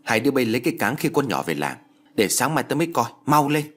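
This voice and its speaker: A man's voice: mid-range voice, big pitch swings, fast talker, fairly bright tone. A man voicing a drunk, arrogant village official who barks orders. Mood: bossy. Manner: gruff, bossy.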